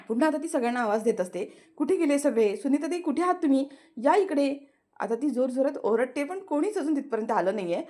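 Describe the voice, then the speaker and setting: A woman's voice: on the high side, a little mellow. A woman with a Marathi accent giving a casual spoken recap of a TV serial episode, briefly acting out the characters' lines as she goes.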